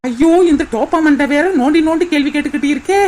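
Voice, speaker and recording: A sly cartoon village woman mutters fussy asides in a very high voice, as a woman voices her. She speaks with a Tirunelveli accent. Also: fast, heavy background noise, close to an everyday voice. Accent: Tirunelveli Tamil. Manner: fussing, sneaky asides.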